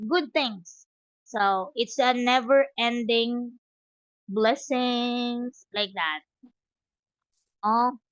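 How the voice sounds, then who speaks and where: High, slow, patient woman tutor. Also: fairly bright tone, no echo. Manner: slow, patient, explains step by step. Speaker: English tutor. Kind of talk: online one-on-one English lesson.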